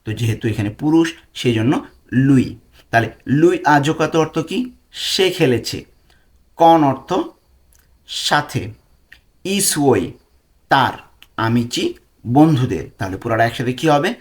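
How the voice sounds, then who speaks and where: Slow, careful male language tutor. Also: medium pitch, lively intonation. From Bangladesh. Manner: slow, careful, spelling out foreign phrases word by word. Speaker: language teacher. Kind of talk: explaining lessons step by step.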